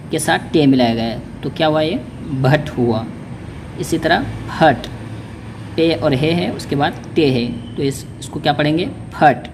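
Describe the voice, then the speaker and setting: A man teaching how to read Urdu letters, sounding out each one slowly and patiently, often checking in with "okay". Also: fairly high pitch, darkish tone, slight background noise. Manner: repeats "ठीक है" to check understanding. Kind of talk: spoken lesson on reading Urdu letters.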